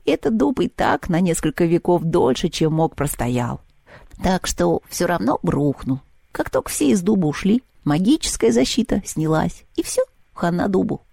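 A narrator voicing a gruff, grumbling male house spirit in a storybook reading, with a mellow, dry sound. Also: mid-range voice, big pitch swings, moderate pace, no echo, exaggerated voice. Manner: grumbling, matter-of-fact.

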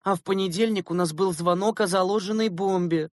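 A woman's voice: mid-range voice, brisk, darkish tone, no echo, clean studio sound, lightly acted. A woman voicing a weary, bitter schoolteacher in an audiobook, speaking sternly and with exasperation. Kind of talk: audiobook character reading.

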